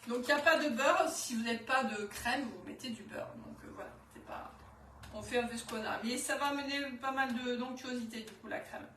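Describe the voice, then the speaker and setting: A woman's voice: on the high side, fairly quick, a bit bright, echoey room, far from the mic, slight background noise. A woman from southwest France with a Toulouse-area accent, chatting casually and hesitantly as a cookware consultant during a live cooking demonstration. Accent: southwest French, Toulouse area. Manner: chatty, hesitant, many fillers.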